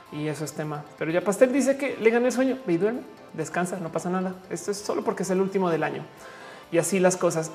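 A woman's voice: on the low side, a little mellow. A woman in her forties with a Mexican accent, casually chatting and reading viewer comments aloud, laughing often. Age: 40s. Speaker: streamer answering chat. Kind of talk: casual live chat.

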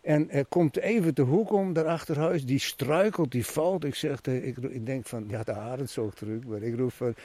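A man, telling a story in an interview in an animated way and acting out what people said. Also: mid-range voice, normal speed, few pauses, dry recording. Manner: animated storyteller, many restarts, acts out quotes.

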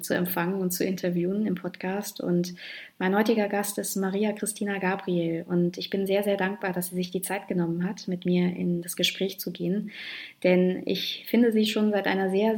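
A woman hosting a podcast, talking softly and hesitantly with many fillers as she introduces her show and her guest. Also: mid-range voice. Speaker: podcast host. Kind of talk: podcast interview.

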